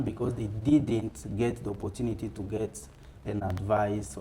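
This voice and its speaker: A man with an African accent answering in a fireside chat interview in a halting, deliberate way. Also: lowish voice, warm tone, slight background noise.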